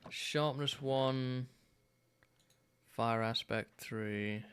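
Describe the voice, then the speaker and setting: A man in his thirties thinks out loud through a gameplay stream, unhurried and full of ums. His voice is bright and crisp, and he takes his time. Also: mid-range voice. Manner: relaxed, musing aloud with frequent fillers. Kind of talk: casual gameplay commentary.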